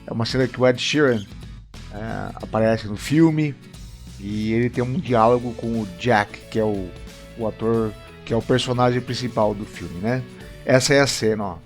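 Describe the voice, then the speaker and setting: A man's voice: medium pitch, normal speed, faint music behind. Brazilian man teaching English. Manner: explanatory, checks in with viewers often. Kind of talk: video language lesson. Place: room with a whiteboard.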